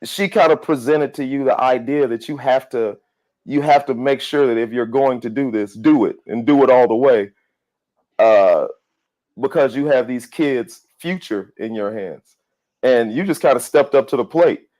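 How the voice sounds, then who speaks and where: A man in his forties hosting a podcast interview, easygoing and quick to laugh. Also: mid-range voice, darkish tone. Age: 40s. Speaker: podcast host. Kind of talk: casual interview chat.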